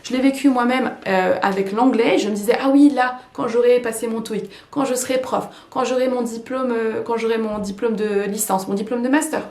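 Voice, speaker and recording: A young adult French woman coaching English learners in a lively, chatty way with many fillers. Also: a little high, fairly quick, hardly any pauses. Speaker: English teacher and YouTuber. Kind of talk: casual coaching talk to camera. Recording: echoey room.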